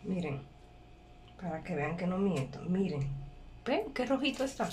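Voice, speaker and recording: A woman's voice: lowish voice, big pitch swings, unhurried. A woman casually demonstrating a recipe step by step, often repeating herself and checking in with the listener. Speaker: home cooking vlogger. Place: small indoor kitchen at a workplace. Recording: clear background kitchen noise.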